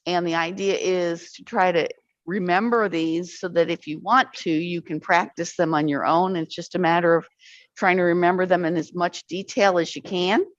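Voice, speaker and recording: Woman leading a gentle exercise class. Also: lowish voice, fairly even intonation, normal speed, dry recording, muffled recording. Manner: encouraging, counts reps aloud. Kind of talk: guided exercise class instruction.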